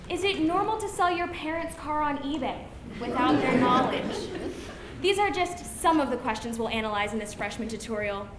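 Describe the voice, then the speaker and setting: A young woman with a high voice declaims a comic monologue. Her elocution is prim and precise, with a deadpan, mock-formal air. The recording is echoey, with clear noise behind her. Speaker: student declaimer. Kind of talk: scripted comic monologue recitation to an audience. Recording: noisy, echoey room recording.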